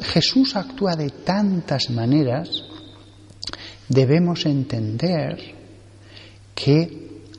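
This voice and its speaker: A Spanish priest delivers a sermon at a slow, deliberate pace. He leans on repeated phrases to press his points home. His voice carries a long reverb, as if he were speaking in a church. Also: medium pitch. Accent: Spanish from Spain. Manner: slow, earnest preaching with emphatic repetition.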